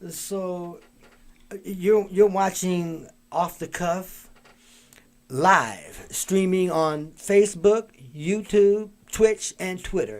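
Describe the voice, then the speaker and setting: A man with a high, darkish voice hosts a live talk show, speaking casually with lots of fillers and restarts in what plays like a casual live-stream interview.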